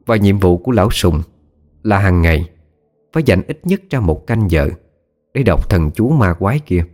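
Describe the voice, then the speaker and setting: A man's voice: sits low, animated, moderate pace, darkish tone. A man giving scripted, dramatic narration of a horror story. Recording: faint background music.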